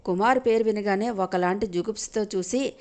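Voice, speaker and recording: A woman's voice: mid-range voice, moderate pace, a little mellow. A woman narrating a family drama audio story with dramatic storytelling.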